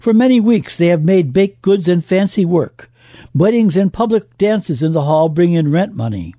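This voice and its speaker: High-voiced man reading history, mellow and dry. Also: animated, moderate pace, dry recording. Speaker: radio history narrator. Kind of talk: scripted narration.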